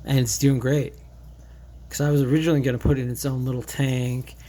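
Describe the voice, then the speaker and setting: A man's voice: mid-range voice, little pitch movement, fairly quick, dark tone. A man casually touring his home fish tank, rambling and thinking aloud with fillers and restarts. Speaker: aquarium hobbyist vlogger. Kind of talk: casual tank tour vlog. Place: indoors beside a fish tank.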